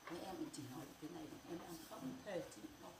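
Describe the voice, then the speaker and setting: A woman's voice: lowish voice, racing. A grieving middle-aged mother speaking in a pained, insistent way and repeating herself, during a heated family confrontation. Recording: echoey room, distant mic, noisy background.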